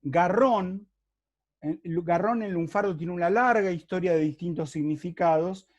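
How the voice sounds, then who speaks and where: Unhurried Rioplatense male lecturer. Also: high-pitched, dull audio. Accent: Rioplatense Spanish. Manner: explanatory, checks understanding with frequent rhetorical tags; unhurried, with hesitant fillers and restarts. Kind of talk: university lecture.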